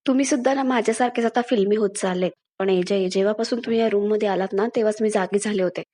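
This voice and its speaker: A woman's voice: mid-range voice, fairly even intonation, fast, dark tone, close to an everyday voice. A woman voicing an earnest, determined young woman lying in a hospital bed, insistent in tone.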